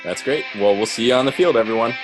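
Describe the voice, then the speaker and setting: A man co-hosting a fantasy baseball podcast, chatting casually and relaxed. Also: medium pitch, quick pace, over music. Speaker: podcast co-host.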